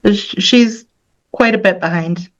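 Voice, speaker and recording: Female court clerk, mid pitch, matter-of-fact reading. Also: slow, dull audio. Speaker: court case officer.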